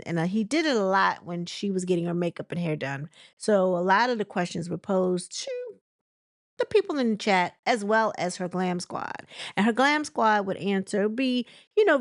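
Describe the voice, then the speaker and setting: A woman's voice: medium pitch, no room sound, clean studio sound. A woman chatting casually about celebrity gossip, rambling with lots of fillers and restarts. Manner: chatty and conversational. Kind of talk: casual commentary.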